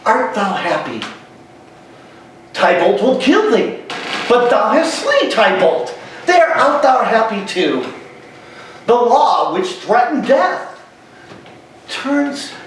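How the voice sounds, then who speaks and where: A man acts out a stern, exasperated friar in a Shakespearean stage play. The voice swoops high and declaims emphatically, in slow, deliberate phrases. It rings around a very echoey hall, picked up from a distance. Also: heavily acted. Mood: insistent reproach. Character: stern exasperated male friar scolding a despairing young man. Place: large hall, live stage. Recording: echoey hall, distant mic, faint noise.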